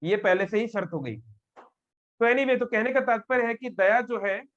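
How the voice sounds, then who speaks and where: Guy with a high voice giving a lively sermon to youth, kinda muffled lo-fi recording. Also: normal speed. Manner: animated, acts out characters' quotes. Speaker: devotional speaker. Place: live session with audience.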